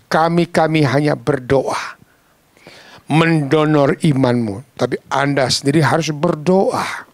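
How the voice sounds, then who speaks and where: A man preaching a sermon, telling stories in a lively, casual, slangy way and acting out the voices of the people in them. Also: fairly high pitch, vocal fry, dry recording. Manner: animated, acts out quoted voices.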